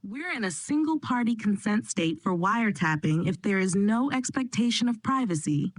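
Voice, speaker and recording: A woman voicing a calm, sharp female attorney who speaks precisely. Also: medium pitch, moderate pace, no echo, close to an everyday voice.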